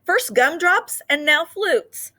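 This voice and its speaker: A woman voicing a kindly, jolly old Santa in a children's storybook, speaking with gentle, measured emphasis. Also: sits high, animated, voice pushed up, heavily acted. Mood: concerned. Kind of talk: children's storybook read-aloud.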